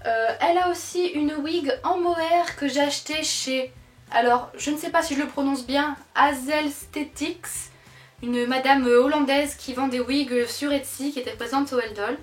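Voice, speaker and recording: High voiced young woman chatting away, lots of ums, echoey room. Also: normal speed. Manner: chatty, lively, many fillers and self-corrections. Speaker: doll collector vlogger. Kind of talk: casual chat.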